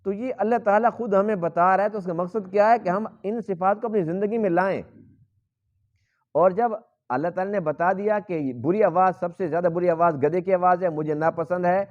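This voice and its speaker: A man's voice: high-pitched, darkish tone. Earnest male Quran teacher, dull recording. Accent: Pakistani Urdu. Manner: earnest, explaining with rhetorical questions. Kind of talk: sermon. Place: mosque.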